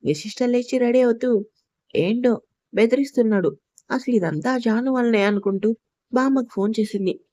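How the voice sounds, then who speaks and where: A woman's voice: fairly high pitch, normal speed, long pauses, warm tone, no echo. A woman narrating a romance audio story, reading expressively and slipping into voices for each character.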